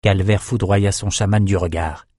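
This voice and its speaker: A male narrator reading a dark fantasy novel aloud with measured storytelling. His voice sits somewhat low and comes across dry and close to the mic. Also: fairly even intonation, breathy edge, dry recording. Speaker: audiobook narrator.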